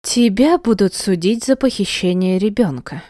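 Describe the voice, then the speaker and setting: A woman reading the part of a cold, unhinged jealous wife in an audiobook, her lines icy, contemptuous and hissing, a little higher and louder than her narration. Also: expressive, moderate pace, no echo, studio quality, close to an everyday voice. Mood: cold menace.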